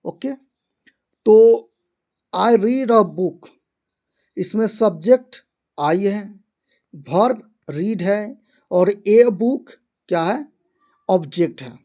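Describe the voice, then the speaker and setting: A man teaching English grammar in an online lesson, going over each point again and again and reading his example sentences out slowly, word by word. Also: high-pitched, expressive, warm tone.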